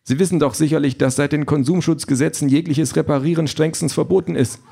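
A man's voice: fairly high pitch, fairly even intonation, fast, gravelly, mellow, slightly rough, voice pushed up. A man voicing a fussy, overly formal self-driving car that is eager to please. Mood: prim, polite.

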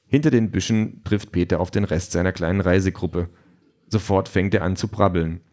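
A man reading an audiobook in a steady, dry storytelling manner. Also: low-pitched, normal speed. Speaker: audiobook narrator. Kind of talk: scripted narration.

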